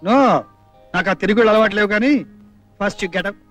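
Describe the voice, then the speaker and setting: A man's voice: sits high, fairly even intonation, normal speed, fairly bright tone. An actor playing a stern, aloof young man who answers curtly and measuredly, in a 1980s film with music behind. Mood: curt, firm.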